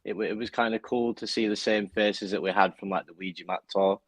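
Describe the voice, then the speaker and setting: A young man from Bradford speaks in a low voice with a strong West Yorkshire accent. His casual storytelling is laddish and full of slang and swearing, and the sound is dry and close. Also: fairly even intonation, brisk, no room sound. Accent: strong Bradford, West Yorkshire English. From Bradford, northern England. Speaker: interview guest, music performer. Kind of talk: casual chat, telling stories.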